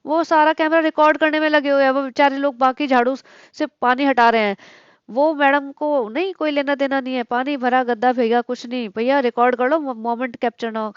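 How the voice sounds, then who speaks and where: A woman's voice: sits high, fairly even intonation, a little fast, clean tone, no room sound, muffled recording. A woman vlogger giving sarcastic, scolding commentary on another vlogger's videos. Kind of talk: critical commentary on other vloggers.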